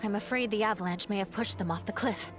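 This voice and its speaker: A woman voicing a calm, commanding female adventurer. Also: medium pitch, fast talker, lightly acted. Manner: composed and commanding. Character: calm, level-headed female adventurer who leads the group. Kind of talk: video game voice acting. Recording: game cutscene with music score. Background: game music.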